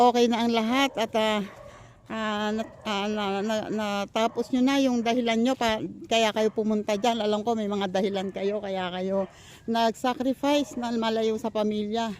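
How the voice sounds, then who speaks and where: A woman's voice: a little high, darkish tone. Older lady vlogging out in the countryside, kinda out of breath, lots of ums, bit of faint noise. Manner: rambling, many fillers and restarts while walking. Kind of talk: casual vlog thank-yous and chat. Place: outdoors in rural countryside.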